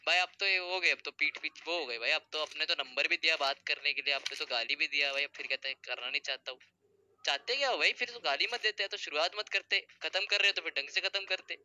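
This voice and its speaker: A man's voice: fairly high pitch, fast talker, sharp tone, slight background noise. A young man streaming a mobile game, arguing insistently over voice chat and repeating himself to make his point.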